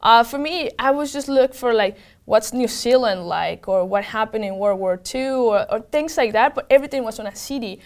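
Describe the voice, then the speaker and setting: A tech program manager being interviewed speaks with a fairly high voice at a moderate pace, barely pausing at all. She has a Venezuelan accent as a native Spanish speaker, and her answers come across as enthusiastic and informal.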